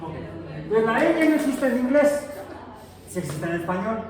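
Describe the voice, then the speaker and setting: A man's voice: very high voice, very animated, moderate pace. A middle-aged man teaching a science class, chatty and jokey, asking his students questions as he lectures. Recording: echoey classroom from far off, faint noise.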